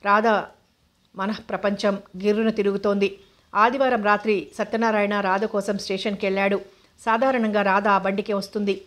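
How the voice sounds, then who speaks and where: A woman reading a novel aloud as narrator, voicing every character in her own even tone. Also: mid-range voice. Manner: flat even reading, voices all characters plainly.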